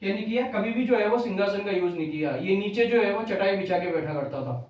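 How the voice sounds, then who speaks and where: A man's voice: high voice, lively intonation, fast, darkish tone, far from the mic, highs cut off. A man teaching a history lesson for exam prep, repeating each key fact as a question and then answering it, with English terms mixed in. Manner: mixes English terms into Hindi. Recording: very echoey room, voice off-mic.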